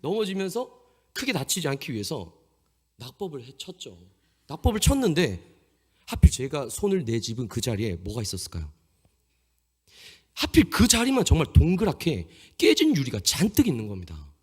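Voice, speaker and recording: A man's voice: on the high side, huge pitch swings, normal speed, slightly rough. A man in his thirties preaching to a youth congregation, telling a story about himself with humor and self-mockery. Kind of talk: sermon with a personal story. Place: church sanctuary. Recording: long reverb in a church hall.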